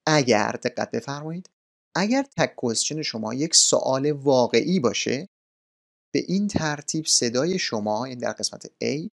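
A man's voice: medium pitch, gravelly. A man teaching an English grammar lesson. He explains politely and repeats the key points. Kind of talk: grammar lesson explained in a relaxed spoken manner.

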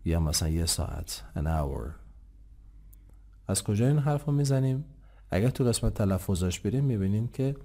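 Man, language teacher, low voice, warm tone, patient explanations, slow and careful English examples. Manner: explains patiently, asks himself questions and answers them; says English examples slowly and clearly. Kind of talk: online English lesson.

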